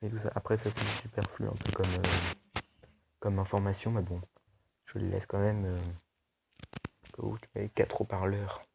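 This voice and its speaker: A man's voice: fairly low pitch, flat delivery, moderate pace, creaky, long pauses, heavy background noise. A young man casually reviewing a tablet for his video channel, chatty and loose, full of fillers and restarts. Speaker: tech video host.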